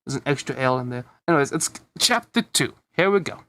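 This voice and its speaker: A man's voice: mid-range voice, animated, brisk, fairly bright tone. A man casually reading a fan story aloud, stumbling over words and adding wry asides. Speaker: fanfic reader.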